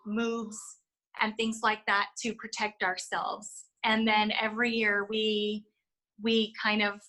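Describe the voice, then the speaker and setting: A woman's voice: a little high, sharp tone, poor audio. A woman giving interview answers as a flight attendant, explaining things in a chatty way with examples.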